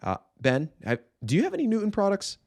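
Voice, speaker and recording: A man's voice: high voice, fast, no room sound. A man in his thirties, co-hosting a casual parenting podcast and acting out his kids and himself as he tells stories. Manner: animated storyteller who acts out kids and himself. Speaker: podcast co-host.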